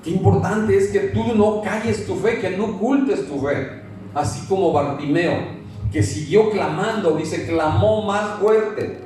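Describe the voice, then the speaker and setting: A man's voice: high-pitched, unhurried, a little mellow. A male pastor preaching fervently to his congregation, asking them questions as he goes. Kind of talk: sermon. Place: church. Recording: echoey church from far off, faint music.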